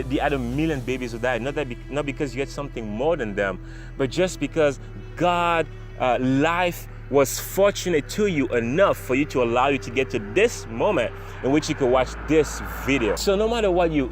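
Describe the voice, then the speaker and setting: A man from the Congo speaks to camera in a mid-pitched voice, delivering an emphatic motivational monologue. He presses his points through repetition and direct address. Music plays clearly underneath throughout. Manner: earnest, emphatic, repeats phrases for effect. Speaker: motivational vlogger.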